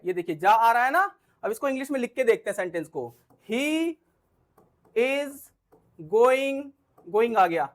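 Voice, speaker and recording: A man's voice: extremely high pitch, a bit bright. A man teaching English grammar in an online lesson, who asks rhetorical questions and keeps checking that the listener is following. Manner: repetitive, checks understanding with frequent "okay?"; rhetorical questions then answers them.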